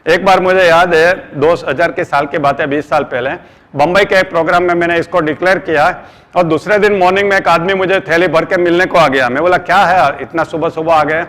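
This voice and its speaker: In a long, reverberant hall, a middle-aged man with an Indian accent leads a motivational seminar with earnest conviction. He calls his listeners friends and blends in English phrases, his fairly bright, slightly high voice moving a little fast.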